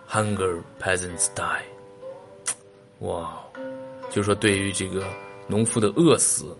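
A man teaching a lesson, patiently explaining translations, asking questions and spelling out words letter by letter. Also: fairly low pitch. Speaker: English teacher.

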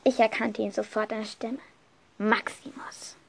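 A woman telling an improvised first-person story, lively, with frequent restarts and self-corrections. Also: a little high, unhurried.

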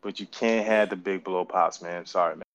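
A man's voice: low-pitched, steady tone, moderate pace, muffled recording, crowd noise. An American man in casual podcast banter with friends, talking like a joking frat bro and peppering everything with bro and man.

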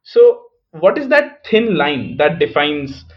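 A man's voice: fairly high pitch, big pitch swings, slow. A man hosting a podcast, thinking aloud in a reflective, casual way with frequent restarts. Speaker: podcast host. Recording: muffled lo-fi recording.

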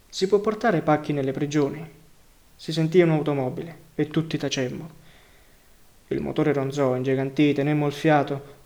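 Man reading a novel, fairly high voice. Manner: measured, even literary reading. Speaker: audiobook narrator.

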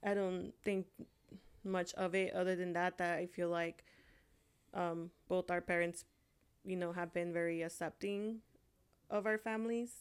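Young woman, lowish smooth voice, casual and halting, lots of ums. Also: fairly even intonation. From Honduras. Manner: hesitant, many fillers. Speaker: co-host. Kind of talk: casual chat.

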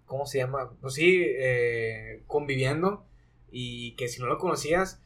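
A young man with a Mexican accent telling an animated, slang-filled story in casual chat. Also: medium pitch, unhurried. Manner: slangy, animated, acts out voices in anecdotes.

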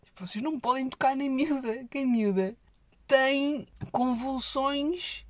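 Young adult woman, European Portuguese accent, comic vlog monologue, animated and exaggerated, bright higher pitch, dry close mic. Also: a little slow, dry recording. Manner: animated, exaggerated storytelling, dropping her voice for asides.

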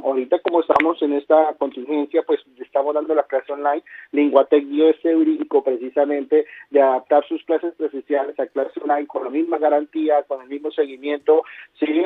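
Husky man on a phone line. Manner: salesy pitch, peppered with "¿sí?" checks. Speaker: language school director. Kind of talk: promotional phone interview. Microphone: telephone. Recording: tinny dry phone line.

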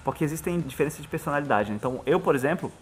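A Brazilian man, a musician guest on a podcast, talking casually and fast, acting out little bits of dialogue as he explains. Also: a little high, slight background noise. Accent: Brazilian Portuguese. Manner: fast, animated, acts out dialogue.

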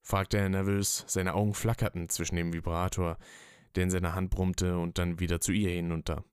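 A man reading a story as narrator in a steady, even manner. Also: sits low, moderate pace, clear, resonant tone, no echo, clean studio sound. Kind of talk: scripted narration.

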